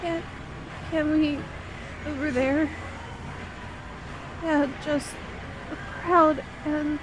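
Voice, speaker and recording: A woman with a high-pitched voice plays a young best friend in an ASMR roleplay audio drama addressed to the listener, speaking in an expressive, unhurried way. The character is an excitable, sweet young woman on an outing with her best friend who's easily discouraged, and here she sounds dejected and hesitant. Faint noise can be heard behind her.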